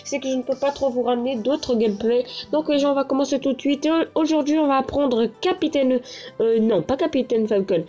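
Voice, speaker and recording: A woman with a high, dark voice talks fairly quickly as she gives casual gameplay commentary for her gaming channel. She has a cold and a stuffy nose and is lying down in a small, echoing bedroom, rambling with fillers and restarts. Recorded on a handheld console camera with game music behind her, the highs are cut off.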